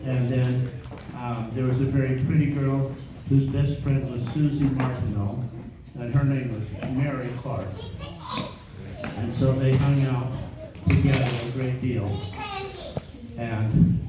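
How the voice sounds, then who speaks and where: An older American grandfather tells family stories in a rambling, informal way, often repeating himself. His voice sits at an average male pitch. It is picked up from a distance in an echoey room with clear noise behind it. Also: fairly even intonation, slow pace. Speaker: grandfather telling family history. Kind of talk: informal oral family storytelling. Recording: roomy, noisy, distant microphone, clicks.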